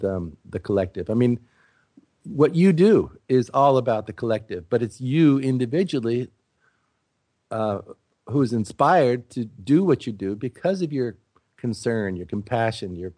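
A man speaking in casual, reflective conversation, earnest and rambling, often halting as he searches for words. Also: mid-range voice, darkish tone, no echo, studio quality.

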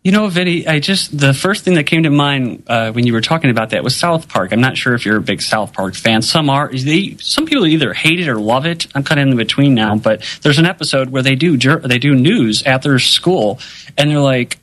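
A man's voice: medium pitch, expressive, a little fast, fairly bright tone. Man in casual, rambling conversation. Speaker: journalist.

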